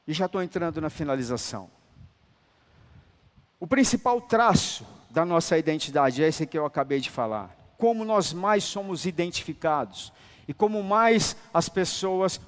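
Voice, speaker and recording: A man preaching a sermon, his fairly high voice ringing through a church hall with a long echo. He swings from loud, emphatic declarations to quiet, tender lines. He talks to the congregation in a colloquial way and calls them brother. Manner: colloquial, addresses listeners as brother. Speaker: apostle preaching.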